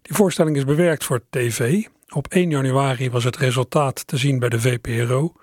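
Husky middle-aged male radio presenter. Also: mid-range voice, fairly quick, a little mellow, dry recording, studio quality. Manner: musing, conversational, addresses listeners directly. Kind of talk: reflective radio chat between records.

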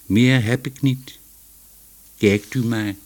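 A man's voice: medium pitch, fairly even intonation, slow, natural voice. A man doing a meek old book collector. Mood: resigned. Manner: soft, apologetic, mumbling. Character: shy elderly male book collector.

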